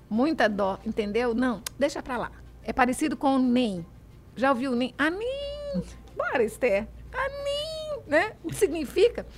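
A woman with a Minas Gerais accent reads aloud and chats in a high, sing-song voice that leaps across a wide range. She is playful and laughs often, mimicking local sayings as she goes. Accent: Brazilian Portuguese from Minas Gerais. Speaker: host. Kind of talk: reading aloud and casual chat.

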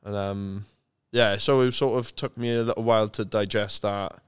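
A man's voice: lowish voice, fairly even intonation, moderate pace, clear, resonant tone. A man with a South Welsh accent chatting casually and candidly as a podcast guest, telling stories in an informal, sweary, matter-of-fact way. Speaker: interview guest, retired rugby player.

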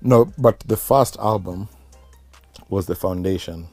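A man's voice: deep voice, measured pace, a little mellow, soft background music. A man with a Kenyan accent talking casually and reflectively as a guest musician in an interview.

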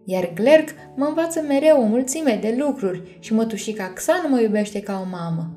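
A tiny male dragon from a storybook, excitable and dramatic, gushing in a voice pitched well up and pushed loud, as a woman acts him out. Faint music plays underneath. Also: close to an everyday voice. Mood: wistful. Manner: gushing, theatrical.

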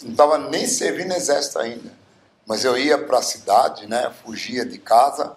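Animated and speaking at normal speed, a medium-pitched man in his seventies tells stories as a guest singer in a casual interview. He is from Bauru, Brazil, leans on many fillers, and sounds roomy and echoey.

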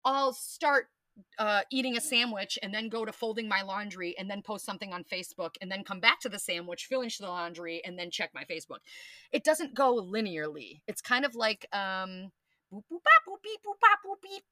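A woman's voice: mid-range voice, normal speed, sharp tone, no echo. A woman hosting a podcast, talking casually and animatedly about astrology, with playful swearing and silly sound effects. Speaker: podcast host.

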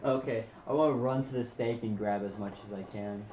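A man's voice: mid-range voice, steady tone, a little fast, mellow, a little hiss or hum. A man playing a tabletop game who is melodramatic and sulky. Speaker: player. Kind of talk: casual tabletop play. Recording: roomy, dull recording.

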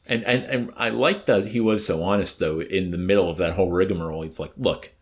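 A man's voice: sits low, fast talker. A man co-hosting a casual show, reading a novel aloud and chatting about it animatedly. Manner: animated, laughs while reading.

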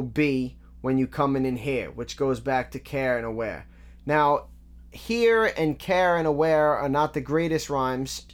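A man giving a casual, methodical breakdown of rap lyrics, with frequent ums and restarts. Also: medium pitch. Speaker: music reaction host.

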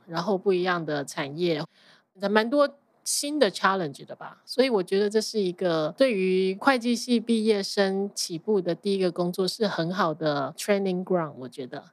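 A woman with a lowish voice and a Taiwanese Mandarin accent chats casually as a guest on a podcast interview, where she appears as an accountant. She mixes English words into her sentences, and there is no room sound.

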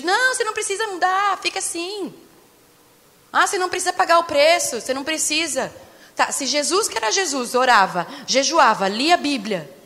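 A Brazilian woman preaching a sermon, animated and direct, slowing down to stress her points. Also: sits high. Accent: Brazilian Portuguese. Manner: animated, direct, slows down for emphasis. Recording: long hall reverb.

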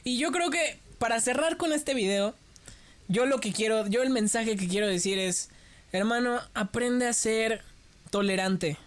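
A man's voice: extremely high pitch, unhurried. A young man co-hosting a casual chat, telling stories with lots of energy and acting out the voices of the people he quotes. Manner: lively storytelling, acts out quoted voices.

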